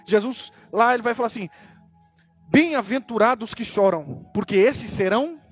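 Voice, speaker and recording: A man with a Brazilian Portuguese accent preaching a sermon, opening with a prayer and then teaching emphatically through repeated rhetorical questions. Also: sits high. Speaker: pastor.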